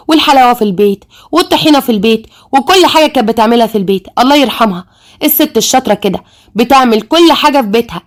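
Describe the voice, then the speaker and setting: A fussy, sharp-tongued young daughter, put on by a woman narrator, with an Egyptian accent. She talks in a high, shrill, indignant voice at a fast clip, lecturing everyone around her in this audio story. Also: close to an everyday voice.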